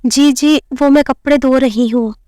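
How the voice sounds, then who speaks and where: A woman's voice: high voice, fairly even intonation, measured pace, warm tone, no echo, clean studio sound. A woman reading the lines of a shy, dutiful young bride who answers politely and earnestly.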